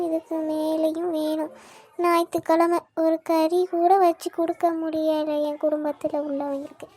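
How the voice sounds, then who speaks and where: A woman's voice: extremely high pitch, darkish tone. A woman voicing a put-upon young wife in a cartoon, complaining and grumbling. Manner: complaining, meek toward husband. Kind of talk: cartoon voice acting.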